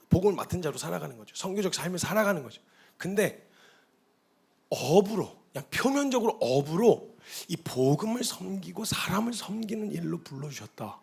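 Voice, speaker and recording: A man's voice: fairly high pitch, gravelly, breathy edge. A man giving a conversational testimony sermon as a missionary preacher, in an earnest, confessional storytelling way. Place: church hall.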